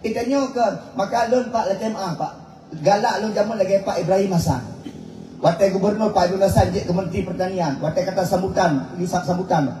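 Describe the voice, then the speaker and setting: Man, Acehnese accent, comic preacher, high voice, reverberant hall, far from the mic. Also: steady tone, a little fast, dark tone, a little hiss or hum. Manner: joking, chatty, teasing the audience. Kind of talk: humorous Islamic sermon. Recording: echoey, distant mic.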